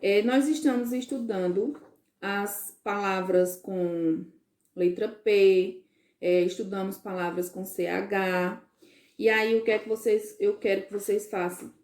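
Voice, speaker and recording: A woman's voice: mid-range voice, fairly even intonation, measured pace, darkish tone. A woman teacher recording a home lesson for parents, patiently explaining and checking in with frequent questions.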